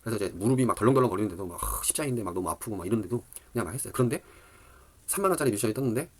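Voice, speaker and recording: A middle-aged man who lectures on dating, telling a rambling story in a casual monologue, full of fillers and animated asides. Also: fairly low pitch, racing.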